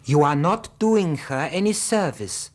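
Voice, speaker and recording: Over slight background noise, an actor with a rather high voice speaks at a measured, animated pace. His character is an earnest, fussy Greek interpreter in middle age, recounting events with formal precision in radio drama narration and dialogue.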